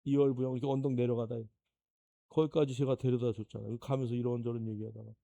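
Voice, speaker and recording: A male pastor giving an anecdotal sermon lecture, telling stories in a lively way and acting out the people in them. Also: mid-range voice, fast talker, vocal fry, no echo, muffled recording. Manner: animated storytelling, acting out quoted people, laughing.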